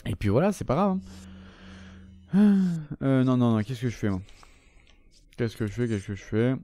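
A man's voice: medium pitch, sing-song, normal speed, dark tone, no echo. A man giving casual gameplay commentary, chatting loosely, swearing often and talking to the enemies on screen. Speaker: gaming channel host.

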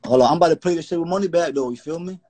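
A man from Florida calls in over video and talks up his music in a boastful, rambling way, full of repeated fillers. His voice sits a bit higher than most men's, coming through the call line. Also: racing, dark tone. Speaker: aspiring rapper caller. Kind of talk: casual video-call chat.

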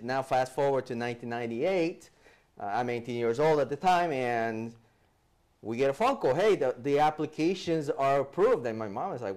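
A man in his forties from El Salvador, a guest in a studio interview, telling his story with lively hand gestures and frequent restarts, on a lapel mic. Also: mid-range voice. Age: 40s. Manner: animated, gestures with hands, many restarts. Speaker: guest speaker. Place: TV studio set, seated in armchair.

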